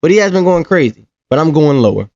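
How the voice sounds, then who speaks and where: A man's voice: fairly high pitch, big pitch swings, quick pace, darkish tone, dull audio. A man from the United States hosting a reaction video, talking in a loose, joking, slangy way. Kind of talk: casual reaction commentary.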